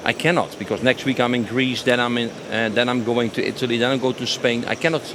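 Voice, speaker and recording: Speaking quickly in a steady, mid-pitched tone, a company sales director in his 50s gives spontaneous interview answers at his trade show stand. His enthusiasm shows as he repeats phrases for emphasis, and the busy exhibition floor makes the background noise obvious.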